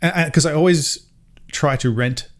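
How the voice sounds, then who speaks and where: Originally from Sydney, this man has a mild Australian accent that years in America have softened. As a podcast co-host in casual conversation, he rambles, breaks off mid-sentence to start over, and laughs readily. His voice is on the high side, at a normal speed.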